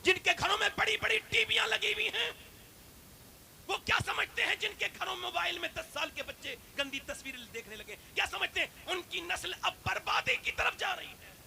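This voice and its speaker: High, gravelly-voiced male preacher. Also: animated, slight background noise. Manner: swings from hushed storytelling to loud shouted exhortation; rhetorical questions to the audience. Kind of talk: impassioned religious sermon.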